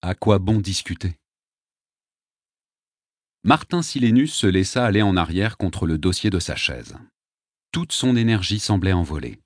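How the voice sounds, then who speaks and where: A man narrating an audiobook with a very low voice and a husky grain. His reading is measured and even. The recording is dry and close. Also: no echo. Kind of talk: scripted narration.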